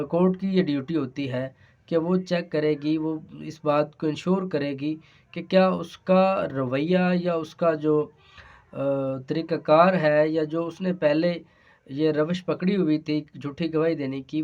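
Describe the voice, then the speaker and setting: A man with a Pakistani accent teaches law in an explanatory way, pausing hesitantly and repeating himself. His voice is a little high and a little mellow, with fairly even intonation and an unhurried pace. The sound quality is dull and lo-fi.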